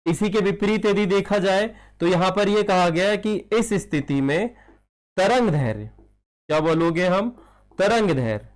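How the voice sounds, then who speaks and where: Male chemistry teacher, Hindi accent, high voice, classroom lecture style that asks and answers its own questions. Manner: questions students, answers himself; calls listeners child.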